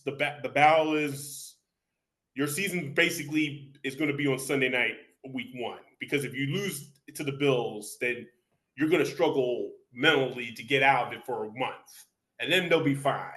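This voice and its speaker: A man's voice: medium pitch, moderate pace, a bit bright. A man hosting a casual sports chat, talking loosely and repeating words as he goes. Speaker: host.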